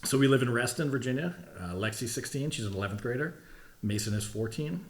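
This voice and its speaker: A man in his forties telling stories in a relaxed, rambling way, often repeating "yeah, yeah". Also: mid-range voice, fast talker. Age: 40s. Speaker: podcast guest. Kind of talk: casual storytelling chat.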